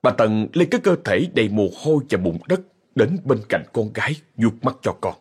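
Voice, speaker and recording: A man narrating a ghost story in a measured, dramatic storytelling way. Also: on the low side, sing-song, husky.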